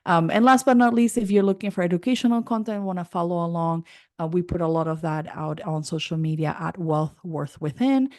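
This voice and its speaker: A woman talks through business finances as a podcast guest, in a measured, businesslike way. Her voice sits low for a woman. The recording is dry, with no room sound. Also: a little mellow, dry recording. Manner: measured, businesslike, with light laughs. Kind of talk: podcast interview answers.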